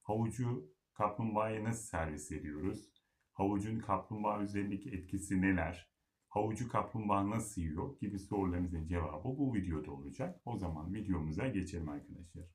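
A man hosting a casual vlog, calmly explaining to viewers and cooing to his pet in a high, excited baby-talk voice. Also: a little fast, slightly rough. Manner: calm, low explaining voice to viewers. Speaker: channel host.

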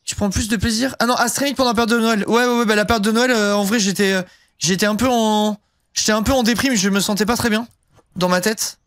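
Young male streamer, high voice, rambling casual chat, dry close sound. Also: steady tone, quick pace, fairly bright tone, no room sound. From southern France. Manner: rambling, heavy fillers, casual swearing. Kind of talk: casual live-stream chat while gaming.

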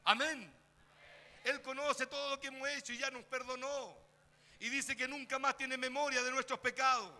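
A man with a Chilean accent preaching a fervent sermon in a church, calling out to the congregation and rising to shouts. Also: very high-pitched, fairly even intonation, normal speed, big-room sound, slight background noise. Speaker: pastor. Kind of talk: Spanish-language sermon. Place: church sanctuary.

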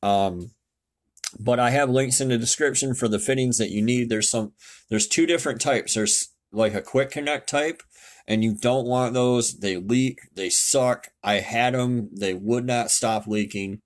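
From inside his home, a man of medium pitch takes his time explaining fuel systems over a screen share. The car tech YouTuber's tutorial is casual and blunt, with the odd swear word and self-correction.

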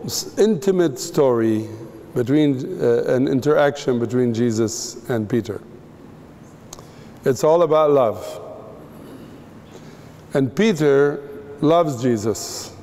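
A man from the Middle East preaching a sermon in a measured, emphatic way, with pauses between phrases. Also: fairly high pitch, darkish tone, in a large hall.

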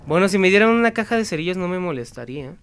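A young man with a Mexican accent comments on a horror game in a high-pitched, animated, rapid-fire voice, with a slight hiss or hum behind him. He swears constantly, talks to himself, and breaks into frightened yelling as a gameplay commentator.

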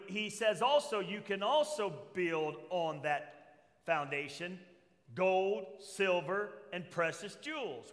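An older man preaches from a pulpit in a church hall, his voice sitting fairly high for a man. A long reverb trails after his words as he reads scripture and puts questions to his congregation. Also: fairly bright tone. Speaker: pastor. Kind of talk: sermon.

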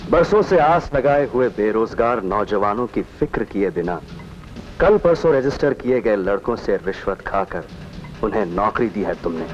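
A man's voice: high voice, lively intonation, moderate pace, fairly bright tone, muffled recording, soft background music. An actor playing a cheeky, defiant unemployed young man in a dubbed film, swinging from angry speeches to teasing banter. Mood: angry accusing. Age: young adult. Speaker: lead in a dubbed action film. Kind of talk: Hindi film dub acting.

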